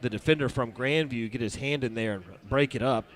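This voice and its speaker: A man does play-by-play for a high school football game at an outdoor stadium, briskly calling every snap and working in sponsor reads.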